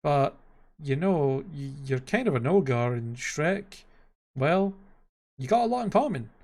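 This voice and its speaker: A man voicing an excitable, chatty donkey sidekick from an animated fairy tale, talking in a colloquial, exclamatory way. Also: on the high side, unhurried. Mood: reassuring.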